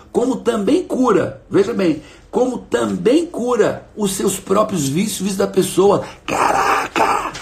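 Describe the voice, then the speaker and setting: Middle-aged man, emphatic teaching talk, live stream, gravelly, somewhat high voice. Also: a little mellow. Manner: emphatic, repeats phrases, asks viewers for responses. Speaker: coach and live-stream host.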